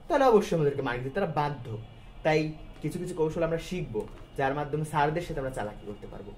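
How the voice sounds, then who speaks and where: A man's voice: a little high, a little mellow, a little hiss or hum. A male teacher giving a grammar lesson to students, explaining step by step and asking questions that he answers himself, in a colloquial style with English words mixed in.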